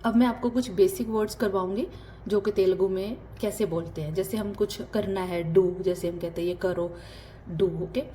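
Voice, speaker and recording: A woman from Punjab teaching a spoken language lesson. She explains patiently with hesitant fillers and slowly repeats each word for learners. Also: medium pitch, fairly even intonation, dark tone, a little hiss or hum. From Punjab, India. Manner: slow, repeats words for learners.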